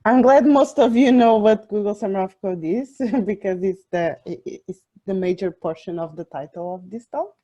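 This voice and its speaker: A young woman from Portugal, a software developer, giving an online talk with many fillers and restarts. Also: medium pitch, normal speed. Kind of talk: online presentation.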